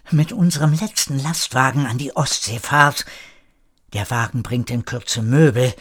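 A man reading an audiobook, voicing an earnest, warm-hearted woman who owns an estate and speaks with urgency. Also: medium pitch, husky. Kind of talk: audiobook character voice.

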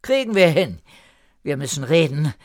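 A man's voice: on the high side, sing-song, normal speed, no room sound, studio quality, pitched above the performer's own voice. A man voicing a bossy, suspicious but kindly village woman who scolds and probes with questions in an audiobook. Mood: brisk.

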